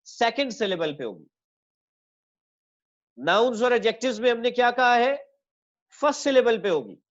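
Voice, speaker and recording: A male English teacher explaining word stress, saying each example word again and again, slowly drawing out the stressed syllables, and calling his listeners children. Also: very high-pitched, animated, muffled recording. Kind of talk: classroom-style lesson.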